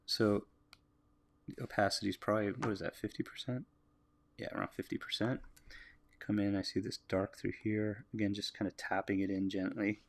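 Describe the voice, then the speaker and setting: An American man livestreaming as he draws, musing aloud in a relaxed way and chatting with his viewers. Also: lowish voice, normal speed, vocal fry. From United States. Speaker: artist livestreaming a drawing. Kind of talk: casual livestream commentary while drawing.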